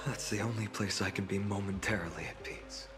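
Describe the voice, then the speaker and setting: An actor playing an earnest, kind young male hero in a video game, reflective and gentle. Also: fairly low pitch, fairly even intonation, moderate pace, close to an everyday voice. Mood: wistful. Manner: reflective, gentle, self-deprecating. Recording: long reverb with game music.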